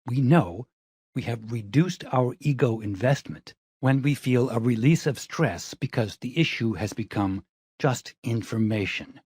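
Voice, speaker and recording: Husky-voiced man reading an audiobook. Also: medium pitch, no echo, studio quality. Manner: calm, measured reading. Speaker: audiobook narrator. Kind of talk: scripted audiobook narration.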